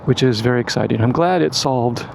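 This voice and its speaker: Riding a scooter outdoors in traffic, a motorcycle vlogger chats casually and thinks aloud, with wind, engine and traffic noise on the mic. His voice is medium-pitched and gravelly, and he talks a little fast.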